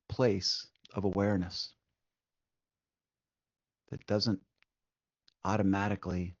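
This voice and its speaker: Soothing and slow, a deep-voiced man leads a meditation, offering short cues with long gaps between them. There is no room sound, and the audio is lo-fi.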